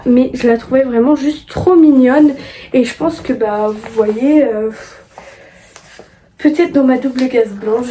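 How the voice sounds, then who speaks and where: A young woman chatting casually about her sewing haul, halting often with fillers and restarts. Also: high-pitched, mellow, slight background noise. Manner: hesitant, many fillers and restarts. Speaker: sewing vlogger.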